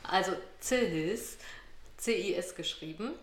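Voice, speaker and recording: A woman's voice: fairly low pitch, slow. A woman in casual, humorous conversation, explaining things with playful, wry wordplay. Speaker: podcast co-host. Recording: roomy, echoing room sound.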